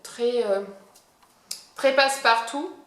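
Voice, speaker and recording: Speaking slowly in a fairly high, fairly bright voice, a woman casually reviews a makeup product for her beauty vlog. The room is echoey, and she comes across as hesitant and self-deprecating, frequently hunting for words.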